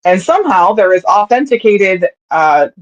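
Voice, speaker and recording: Brief: a rambling, chatty sports podcast co-host at a mid pitch, on dull, slightly lo-fi audio. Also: sing-song, moderate pace. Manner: rambling storytelling with many fillers and restarts. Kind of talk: casual sports podcast chat.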